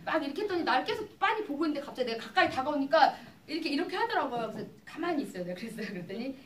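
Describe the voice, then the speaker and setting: Presenting skincare at a live seminar, a cosmetics business presenter speaks in a high, very animated voice at a very fast clip. She demonstrates products to a hall audience, chatting and playing out customer exchanges within her stories. Captured from far off in an echoey hall, the clip has slight background noise.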